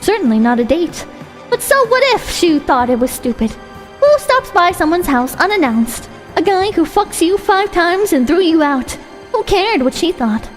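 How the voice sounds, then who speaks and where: A woman's voice: very high-pitched, very animated, moderate pace. A woman reading a short story aloud as its narrator. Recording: long hall reverb with music.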